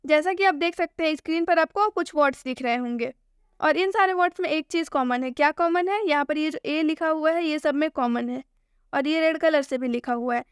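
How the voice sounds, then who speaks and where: High-voiced woman teaching in a dry recording. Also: no room sound. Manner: repeats key points as questions and answers them. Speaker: English pronunciation teacher. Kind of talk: screen-based video lesson.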